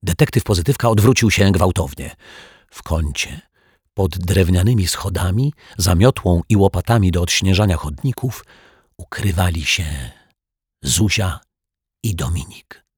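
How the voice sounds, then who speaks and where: A male storyteller reads a children's tale in a calm, measured way. His voice is very husky and deep, and the recording is close and dry. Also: dry recording. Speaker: narrator. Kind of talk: audiobook storytelling.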